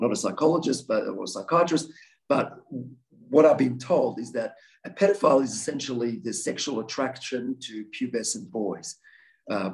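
A man's voice: mid-range voice, vocal fry, darkish tone, rough recording. Earnest man answering audience questions. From Australia. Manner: earnest, frequent restarts and repeated words. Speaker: guest speaker, victims' advocate.

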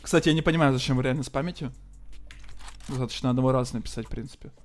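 Male game streamer, excitable and foul-mouthed, chatty slangy live commentary over music. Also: medium pitch, racing. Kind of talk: casual live gameplay commentary, thanking donors.

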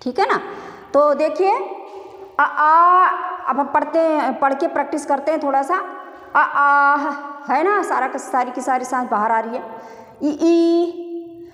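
A middle-aged woman teaching a Hindi grammar lesson, asking and answering her own questions and stretching out sounds to show them. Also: high voice. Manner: drawn-out demonstration vowel sounds. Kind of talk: classroom-style lesson. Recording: echoey room reverb.

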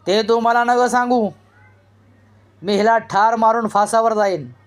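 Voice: mid-range voice, steady tone, measured pace, natural voice. A reader voicing a brutal, abusive village strongman in an audiobook reading, harsh and contemptuous. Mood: defiant.

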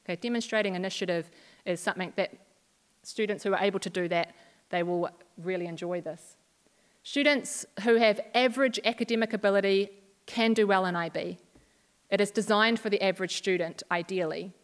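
A woman school coordinator, explaining a program to parents and students in a measured way. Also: medium pitch, clear, resonant tone. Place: school hall. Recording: long hall reverb.

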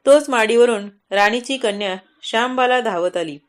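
A woman's voice: on the high side, normal speed. Woman narrating a devotional folk tale. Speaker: storyteller.

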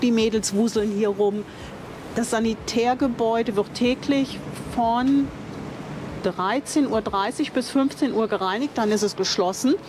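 Touring a campsite outdoors on camera, this older woman is chatty and enthusiastic, often thinking aloud and correcting herself. Her voice sits a little high and unhurried, with background noise audible.

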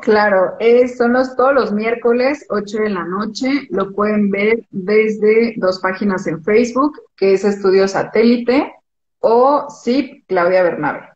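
A woman's voice: medium pitch, slow, darkish tone, reverberant, highs cut off. A woman with a Mexican accent, an image consultant chatting casually in an interview, explaining with everyday examples.

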